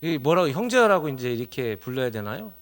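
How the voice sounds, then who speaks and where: A man's voice: mid-range voice, big pitch swings, a little fast. A middle-aged male pastor preaching a Sunday sermon, who asks the congregation rhetorical questions and builds up to emphatic exclamations.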